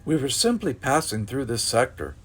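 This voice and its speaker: A man voicing a calm male android officer who speaks in a precise, formal way. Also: medium pitch, moderate pace, breathy edge. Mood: earnest.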